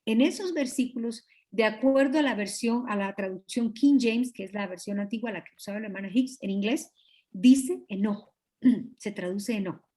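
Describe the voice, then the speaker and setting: A woman, a pastor's wife, teaching a Bible study over a video call with a Guatemalan Spanish accent, earnest and confiding, often clearing her throat. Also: fairly high pitch, normal speed, dark tone. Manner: earnest, confiding, acts out quoted dialogue.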